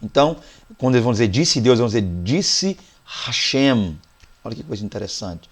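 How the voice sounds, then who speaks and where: A man's voice: medium pitch, very animated, fairly quick, breathy edge. A man with a Brazilian Portuguese accent teaching a Bible study lesson, explaining Hebrew words one by one and checking in often with his listeners. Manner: talks to the class directly with "né" and "tá".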